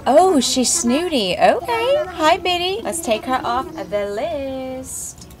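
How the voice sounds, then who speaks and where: A woman giving casual, chatty gameplay commentary as a video creator, excitable and prone to squeals of delight. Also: high voice, takes it slowly, music in the background. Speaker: gaming YouTuber.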